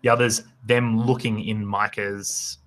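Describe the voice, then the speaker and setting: A man running a tabletop game over a voice call, enthusiastic and halting, with lots of fillers. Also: on the low side, level tone, fairly bright tone. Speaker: game master.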